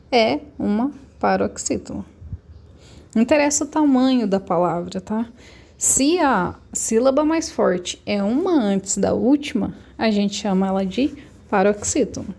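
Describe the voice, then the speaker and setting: A woman's voice: on the high side, gravelly, dark tone. A woman teacher, patiently explaining textbook exercises step by step for her young pupils in a remote class. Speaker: primary school teacher.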